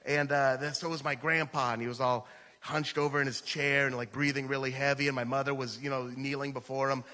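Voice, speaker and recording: A stand-up comedian from America shares comedic personal stories at a live radio show on a theater stage, in a chatty manner full of "like" and "you know." He speaks at medium pitch in a level, bright, forceful tone, a little fast, and the reverberant hall carries his voice.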